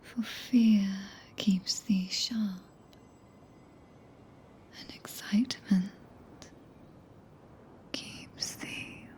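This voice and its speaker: A British woman playing a regal, tender, possessive witch in a soft, breathy, intimate ASMR whisper close to the microphone. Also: medium pitch, steady tone. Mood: possessive, teasing. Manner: slow, solemn, intimate, deliberate pauses. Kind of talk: ASMR roleplay, archaic scripted speech. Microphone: close binaural ASMR microphone.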